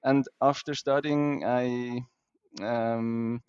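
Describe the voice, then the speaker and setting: A man's voice: medium pitch, fairly even intonation, extremely slow, a little mellow, clear, resonant tone, muffled recording. A man from Switzerland with Swiss German as his first language, a podcast guest who talks with enthusiasm, laughs often and restarts his words. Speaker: guest, company founder. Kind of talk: casual interview.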